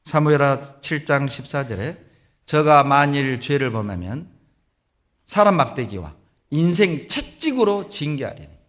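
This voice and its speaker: A middle-aged male pastor preaching a sermon in a church, telling Bible stories with animated delivery. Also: on the high side, a little slow. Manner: animated storytelling, acts out biblical voices. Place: church sanctuary.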